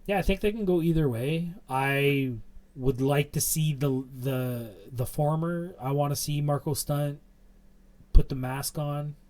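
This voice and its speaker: A man's voice: fairly high pitch, unhurried, darkish tone. A young man co-hosting a podcast, rambling through a casual wrestling recap with lots of fillers. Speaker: podcast co-host.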